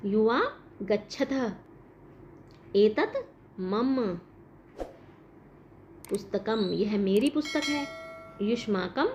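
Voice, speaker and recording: A woman's voice: mid-range voice, extremely slow, pauses often, a little mellow. A woman teacher explaining a school lesson, asking questions and answering them herself. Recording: dull lo-fi recording with faint noise.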